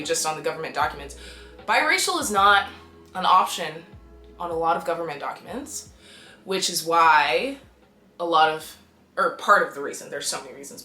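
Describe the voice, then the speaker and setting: A young woman from Canada in her twenties, talking casually to the camera in an animated, exasperated and emphatic way. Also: on the low side, reverberant. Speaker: vlogger. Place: small bright room indoors.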